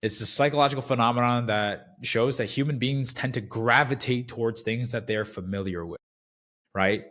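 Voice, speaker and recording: A man's voice: medium pitch, moderate pace, a bit bright. Young man, podcast guest, casual chat, mid-range voice, rambling. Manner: rambling, many fillers and restarts. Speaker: podcast guest, sales coach.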